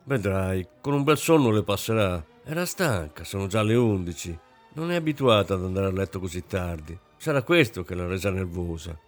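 A man doing a calm, placating father. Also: low-pitched, moderate pace, soft background music. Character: calm middle-aged father, soothing husband. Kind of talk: audiobook reading.

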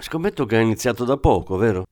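A man voicing an older former croupier, a German woman who speaks with calm, condescending irony. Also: lowish voice, fast talker, no room sound, studio quality, lightly acted. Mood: sardonic.

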